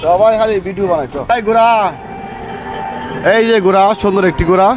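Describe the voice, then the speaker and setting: A man's voice: high-pitched, quick pace, a crowd in the background. A man chatting casually as a travel vlogger outdoors, repeating himself as he points out the sights. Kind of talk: casual vlog narration. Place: outdoors by floodwater and roads. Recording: noisy outdoor phone recording.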